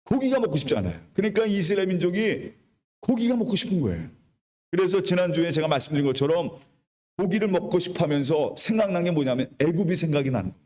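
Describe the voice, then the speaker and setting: A male pastor preaching a sermon, retelling the story in a lively, colloquial way and leading the congregation to repeat phrases after him. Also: sits high, quick pace, in a large hall. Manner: preaching with call-and-response to the congregation. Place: church sanctuary.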